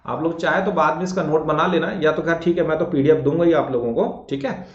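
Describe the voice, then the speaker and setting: A young man teaching an English class in Hindi, who repeats words slowly to drill pronunciation and speaks casually to his students. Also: fairly high pitch. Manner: colloquial, addresses students as bhai and beta. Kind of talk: classroom lesson. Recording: dull, echoey classroom sound.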